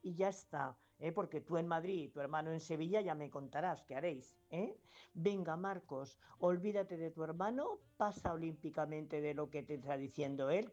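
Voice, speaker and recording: A low, darkish female voice belongs to a Spanish grandmother in her fifties from La Mancha, ringing a radio show to give earnest, emphatic advice. She hesitates frequently and repeats herself, heard through a dull lo-fi phone connection with faint music.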